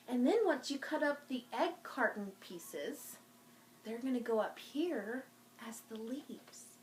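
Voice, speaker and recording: A children's librarian hosts a virtual storytime, talking to young children in a sing-song, encouraging voice that's a little high. In this craft and show-and-tell video she shows and explains things, with slight background noise.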